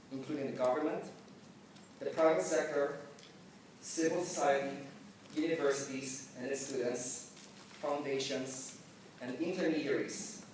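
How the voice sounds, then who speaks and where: A man raised in the Philippines delivers a measured, formal welcome speech at a mid pitch. His voice reaches the mic from a distance and rings out through a very echoey hall. A faint hum of room sound sits behind him. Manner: measured, deliberate delivery with occasional slips. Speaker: forum organizer giving welcome remarks. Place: large conference hall.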